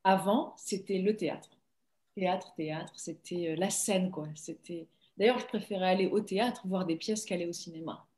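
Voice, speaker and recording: A woman's voice: fairly low pitch, normal speed, mellow. Chatty young woman in a roomy call. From Belgium. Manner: chatty, laughs often, self-deprecating. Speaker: actress, interview guest. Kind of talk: casual interview chat. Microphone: video call.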